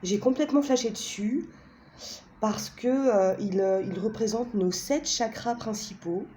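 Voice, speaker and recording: A woman's voice: fairly high pitch, a little slow, warm tone, a little hiss or hum. A woman casually presenting a pendulum and a card deck, talking hesitantly with many fillers and tag questions, chatty and self-mocking.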